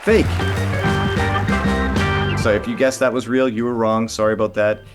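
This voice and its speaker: A man's voice: fairly low pitch, little pitch movement, moderate pace, faint music behind. A man hosting a history show, friendly and playful as he presents. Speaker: host.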